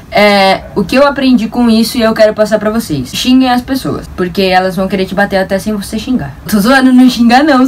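A young woman with a São Paulo Brazilian accent, telling a story to camera in an animated, slangy, self-mocking way. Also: a little high, far from the mic, a little hiss or hum. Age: young adult. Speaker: vlogger.

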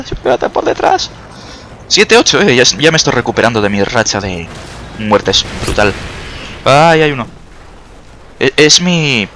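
On the low side yet bright, his tone forceful, this young gaming YouTuber from Spain has a Spanish accent and records over slight background noise and faint gunfire from the game. He comments on his gameplay in a chatty, sarcastic way, letting out occasional yelps.

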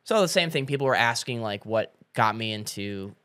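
A man's voice: fairly low pitch, animated, moderate pace, a bit bright, clear, resonant tone, dry recording. A young man, a podcast guest, telling a story in casual chat, acting out quotes and laughing often.

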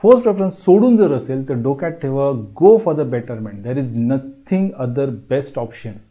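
His mid-range voice is mellow and expressive, paced in a measured way: a man in his thirties, an admissions counsellor explaining admission steps at a classroom whiteboard. He code-switches between Marathi and English, reassures emphatically, and often says "okay," picked up by a lapel mic.

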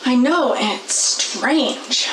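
A high-voiced, unhurried farm girl with chickens, bewildered and exasperated in a folksy way, played by a young woman. She is heard in a church skit through a camera mic on a small indoor set, with room echo and a faint hiss behind. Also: animated, full character voice. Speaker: guest in a skit.

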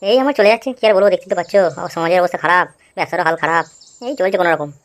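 A friendly middle-aged male tea-stall owner from a comic cartoon, played by a woman, always ready with advice. He talks quickly, in a voice on the lower side. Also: natural voice. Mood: chatty.

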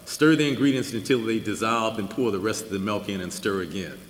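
An older man giving a keynote, reading a personal essay aloud at a lectern mic with measured delivery and dry asides. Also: fairly low pitch. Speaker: keynote speaker. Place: large church hall. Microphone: stand mic at a lectern. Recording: roomy hall with long reverb.

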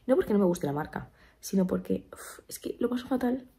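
A woman's voice: medium pitch, brisk, gravelly. Sleepy chatty young woman vlogger. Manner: chatty, animated storytelling, slips into whispers. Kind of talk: casual vlog chat to camera.

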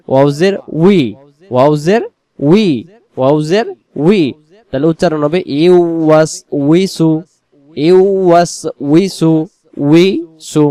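A man teaching correct pronunciation word by word, drawing out slow syllables and repeating each word. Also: on the high side, warm tone, no room sound. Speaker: Quran recitation teacher.

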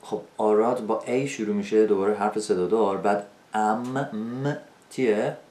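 A man with Persian as his first language teaching an English video lesson, asking rhetorical questions and slowing down for spoken examples. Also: lowish voice, warm tone, reverberant.

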